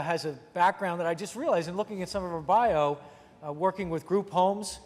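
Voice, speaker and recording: A man, a state senate majority leader, giving opening remarks on the chamber floor, chatty and slipping in wry joking asides. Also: a little high. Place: large legislative chamber, indoors. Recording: long reverb of a large chamber.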